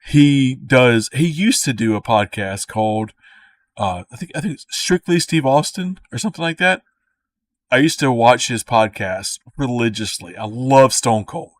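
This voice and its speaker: A man's voice: mid-range voice, unhurried. A man in his thirties with a Cajun accent, rambling through casual, profane commentary with frequent laughing asides. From Louisiana. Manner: laughing asides, swears often, repeats himself. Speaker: creator reacting to his own old video. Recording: dry voice, a bit far from the mic.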